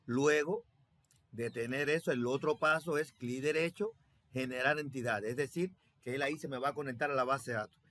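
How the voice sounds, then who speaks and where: A software instructor walks through a programming tutorial on his screen step by step, thinking aloud, repeating himself and using many fillers. His mid-range voice is a bit bright, his pace moderate, and the recording dry.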